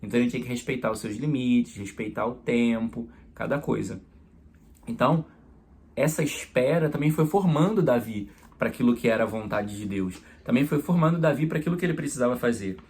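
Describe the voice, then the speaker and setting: A priest delivers a homily in a relaxed, conversational way, illustrating his points with everyday examples. His voice is slightly husky and breathy, set at an ordinary male pitch. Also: a little fast.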